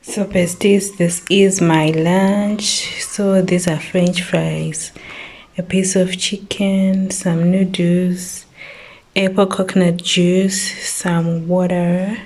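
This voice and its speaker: A young woman from Zimbabwe talks casually to her viewers, calling them besties and leaning on "so yeah" between thoughts. Her voice is fairly low and mellow, with a slight lisp from a painful jaw after a tooth extraction. A faint background hum sits under the talk. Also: little pitch movement, extremely slow, poor audio. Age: 20s. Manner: chatty, repeats "so yeah", addresses viewers as besties. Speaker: vlogger. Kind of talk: casual vlog talk to camera. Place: rural home.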